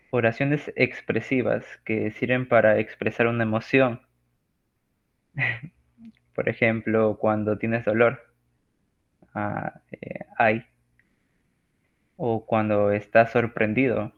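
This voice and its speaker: Peruvian Spanish male student, gravelly voice, casual slide presentation over a tinny phone-like line, jokey. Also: mid-range voice. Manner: casual, joking, acts out sound examples. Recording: phone-like lo-fi audio.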